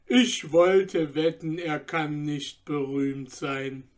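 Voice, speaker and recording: A man's voice: a little high, very slow. A man doing a coaxing, sly slave. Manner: coaxing, persuasive. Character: sly male slave on an errand.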